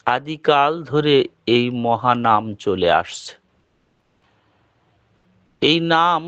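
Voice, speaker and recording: A man with a Bengali accent giving a devotional talk, explaining slowly and patiently. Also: mid-range voice, smooth, no room sound. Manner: slow, measured, explaining patiently. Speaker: preacher. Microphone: online meeting audio. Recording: dull lo-fi call audio.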